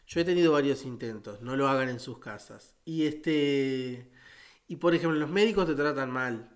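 A man with a Uruguayan Spanish accent in a casual, darkly joking conversation, wry and deadpan. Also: medium pitch, normal speed. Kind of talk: casual dark-humored chat.

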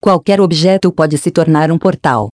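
A storyteller voicing a short old man, a key-shop owner, who speaks calmly and with quiet knowing. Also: on the high side, normal speed, no echo, studio quality, close to an everyday voice. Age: older. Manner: calm, gently knowing.

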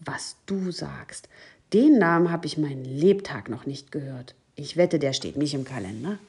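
A woman voicing a naive, good-hearted little female mouse in a read-aloud fairy tale, pitching her voice higher and speaking more emphatically than in her narration. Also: lively intonation, moderate pace, dark tone, breathy edge, exaggerated voice. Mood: puzzled.

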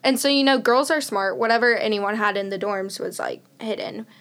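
A young woman, a guest on a casual podcast among friends, telling a dorm story quickly with lots of filler words. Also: mid-range voice, fairly bright tone. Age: young adult. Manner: fast, says "like" a lot.

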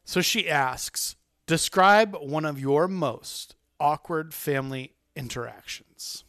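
Male podcast host, medium pitch, rambling casual chat, dry close sound. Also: takes it slowly, no echo. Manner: rambling, self-interrupting, animated.

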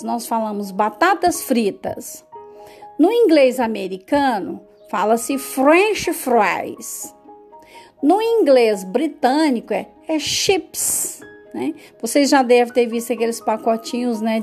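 A woman's voice: sits high, a little mellow. A Brazilian woman with a Brazilian Portuguese accent, teaching English vocabulary in a casual way, repeating words and adding frequent tag questions. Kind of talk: casual lesson monologue.

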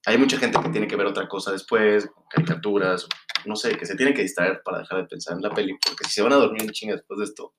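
A young man with a Mexican Spanish accent, co-hosting a casual chat in a relaxed way, often laughing and explaining things. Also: on the low side, quick pace, echoey room, background noise. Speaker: podcast co-host.

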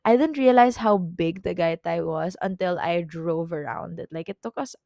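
A woman's voice: fairly low pitch, gravelly, darkish tone, no room sound, clean studio sound. Chatty young Filipino woman podcaster. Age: 20s. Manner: chatty, rambling, full of "like" fillers and quick self-corrections. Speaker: podcast host. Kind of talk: casual solo podcast chat.

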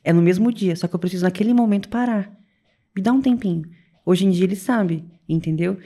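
A young woman talks quickly and expressively in a casual podcast chat. Her pitch sits in the middle of the range, and she tells her stories with animated energy.

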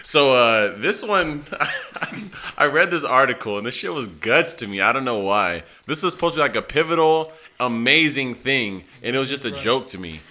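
A man's voice: medium pitch, lively intonation, normal speed, bright, forceful tone. A man co-hosting a podcast in casual chat, swearing and laughing often. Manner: loose, profane, laughing often. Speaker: podcast co-host.

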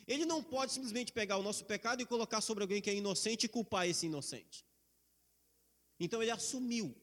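High-voiced preacher in an echoing hall. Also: male voice, fairly bright tone. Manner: emphatic, slows down for scripture. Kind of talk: sermon. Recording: long hall reverb.

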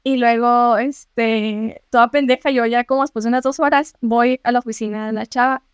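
Mexican woman in her twenties, high-pitched and crisp, animated storyteller; casual podcast chat. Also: moderate pace, no room sound, studio quality. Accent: Mexican Spanish. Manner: animated storyteller, slangy and swearing. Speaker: podcast co-host.

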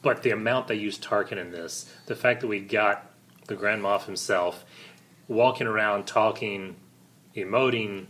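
Casual podcast host: man, lowish voice, rambling and enthusiastic. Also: a little slow, a bit bright. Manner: enthusiastic, rambling fan talk.

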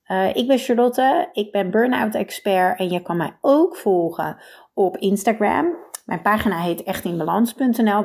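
A woman hosting a motivational podcast as a burnout coach, talking in an energetic, emphatic coaching tone. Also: mid-range voice.

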